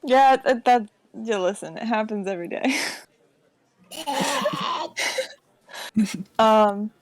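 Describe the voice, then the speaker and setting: A woman's voice: on the high side, slow pace, no room sound. A woman playing a tabletop game, describing her character's actions in a rambling, hesitant way. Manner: rambling and hesitant, many fillers. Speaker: player.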